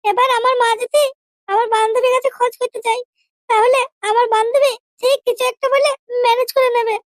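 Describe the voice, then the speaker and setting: A voice actor playing a prim, touchy young girlfriend in a comedy cartoon, with a very high, squeaky voice and an indignant way of talking. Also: level tone. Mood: chatty. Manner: indignant, quick to take offense.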